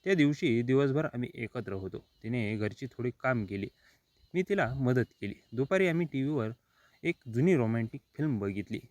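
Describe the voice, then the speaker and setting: A man reading a first-person story as scripted narration, steady and even. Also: mid-range voice, moderate pace, no room sound.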